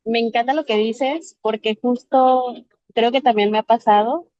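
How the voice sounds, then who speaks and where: Mexican woman, from Tabasco, workshop participant, eager, mellow tone, dull dry audio. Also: fairly high pitch, steady tone, moderate pace, no echo. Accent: Mexican Spanish.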